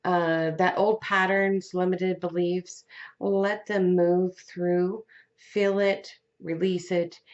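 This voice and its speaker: A woman giving a weekly tarot reading in a gentle, unhurried way, with fillers and restarts. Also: on the low side, dull audio. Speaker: tarot reader.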